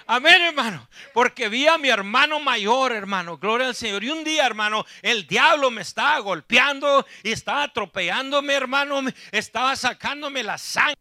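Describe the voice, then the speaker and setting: A man preaching a sermon in church, fervent and emotional, constantly calling out to his brothers and rising to shouts. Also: very high-pitched, moderate pace, dry recording, studio quality. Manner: fervent, calls out "hermano" constantly, rises to shouting.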